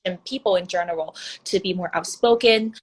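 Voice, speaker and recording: A young woman whose first language is Mandarin Chinese, an author, answers interview questions about her writing earnestly and conversationally. Her voice is lowish, fairly quick and slightly rough, with frequent fillers and restarts. The recording is rough.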